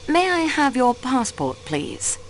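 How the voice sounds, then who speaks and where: A woman playing a patient, courteous investigator for a detective, asking questions in a formal, calm way. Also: sits high, slow pace, slight background noise, heavily acted. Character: polite, patient assistant to a French detective.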